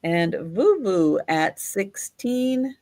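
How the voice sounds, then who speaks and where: A woman hosting a live sale as the auctioneer, describing items in an unhurried, chatty, measured way. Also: mid-range voice, animated, a little mellow.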